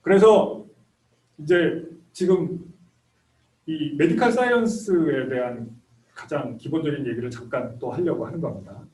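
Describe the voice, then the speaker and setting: The echoey room and far-off microphone frame this introductory lecture to graduate students by a South Korean medical school professor in his fifties. He explains things conversationally in a higher, slightly mellow voice, speaking a little slowly.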